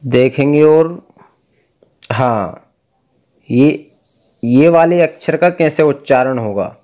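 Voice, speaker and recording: A man teaching Vedic recitation, explaining pronunciation and chanting verses in slow, drawn-out tones. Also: mid-range voice, mellow. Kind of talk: recitation lesson.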